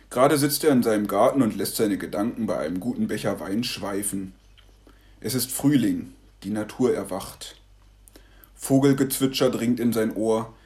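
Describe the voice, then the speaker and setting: A man narrating a devotional story in a calm, measured way. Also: fairly low pitch.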